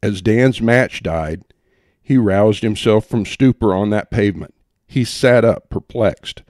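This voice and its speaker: A man's voice: fairly low pitch, unhurried, a little mellow, dry recording, clean studio sound. A man reading a humorous first-person story aloud, with a wry, theatrical delivery. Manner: wry, theatrical delivery with playful voices for quotes. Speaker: audiobook narrator.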